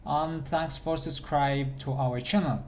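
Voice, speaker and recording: Male coding instructor, unhurried screencast delivery with a faint hum under the voice. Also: a little high, steady tone, darkish tone. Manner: thinks aloud while typing, with restarts. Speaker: programming instructor. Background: keyboard typing.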